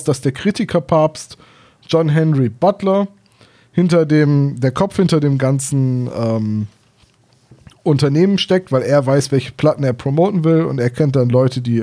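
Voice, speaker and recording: A podcast co-host in his thirties talks casually about audio dramas and books in a mid-range voice with a dark tone. He explains things with careful detail.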